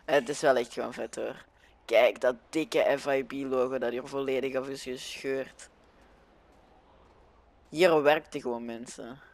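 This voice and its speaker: A young man with a Flemish accent and a medium-pitched, steady voice hosts a gaming video, giving casual, hesitant commentary over the game. He speaks a little slowly, with long pauses, often searching for his words.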